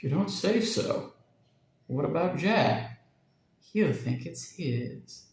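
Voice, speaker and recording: A man's voice: a little high, expressive, takes it slowly, creaky, a little mellow, very echoey, pitched above the performer's own voice, heavily acted. Man whispering as a sinister mimicking parrot.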